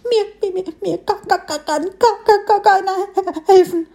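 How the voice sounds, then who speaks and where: A woman's voice: extremely high pitch, fairly even intonation, unhurried, creaky, darkish tone, voice pushed up, heavily acted. A woman voicing a small, tearful boar piglet who stammers and sobs as it talks. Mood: sobbing. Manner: sobbing, stammering.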